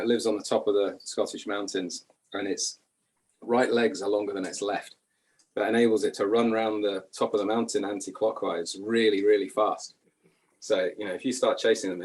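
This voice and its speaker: A man talking through a tasting in a measured, descriptive way, and telling a deadpan tall tale. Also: on the low side, husky. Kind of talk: casual tasting chat.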